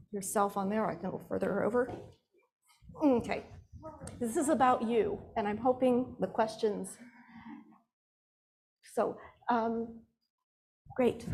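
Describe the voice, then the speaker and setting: Female moderator, unhurried delivery, slightly high voice, informal event hosting. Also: darkish tone, low-quality recording. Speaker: panel moderator.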